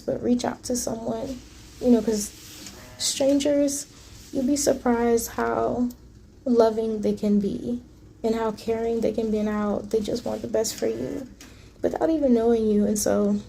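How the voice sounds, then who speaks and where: A woman's voice: on the high side, creaky, mellow, slight background noise. A woman talking casually and earnestly to her viewers in a personal vlog, in a confiding way. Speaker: vlogger.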